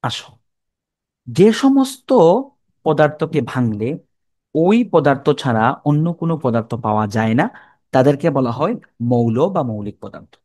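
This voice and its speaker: A young man with a Bangladeshi Bengali accent teaches a chemistry class at a moderate pace, his medium-pitched voice sing-song and mellow, broken by long pauses, with no echo. He's informal and repetitive, repeating terms in colloquial speech and answering the questions he puts to students himself.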